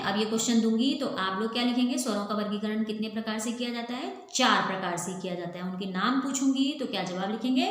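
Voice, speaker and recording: A woman teaching a recorded Hindi grammar lesson, explaining patiently, repeating points and answering her own questions. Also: mid-range voice. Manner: draws out vowel sounds as spoken examples. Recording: very echoey room with faint noise.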